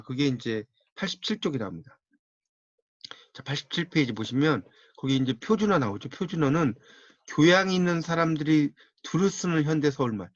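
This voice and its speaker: A man's voice: medium pitch, no echo. Muffled man lecturing, dry sound. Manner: steady instructive pace, tells students to mark the textbook. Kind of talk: classroom lecture on language. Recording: dull, muffled dry audio.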